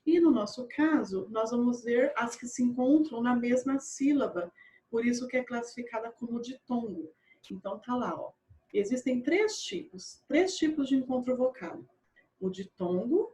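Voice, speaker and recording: A woman teaching a primary school grammar lesson online, patient. She repeats and spells out words slowly and often checks in with her pupils. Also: a little high, lively intonation, dark tone.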